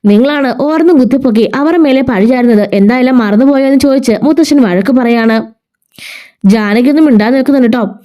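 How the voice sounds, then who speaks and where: A woman retells a family serial in a chatty, casual way and sprinkles tag words through her lines. Her voice sits a little high but sounds mellow and warm. She quotes the characters mostly in her own everyday voice. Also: a little fast. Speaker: storyteller.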